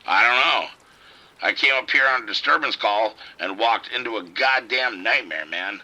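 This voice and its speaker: An actor voices a frightened male police officer trapped in a casino outbreak, urgently calling for help over the radio and swearing in this audio drama. His voice is on the low side, expressive, bright and forceful, exaggerated, at a moderate pace. Audio quality is poor.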